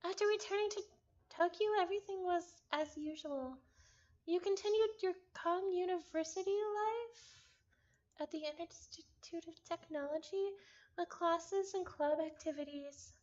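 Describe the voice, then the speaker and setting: A streamer playing a visual novel chats casually and reads the game text aloud, her voice extremely high pitched. She sounds excitable and halting, often repeating phrases, and the stream audio is dull and lo-fi.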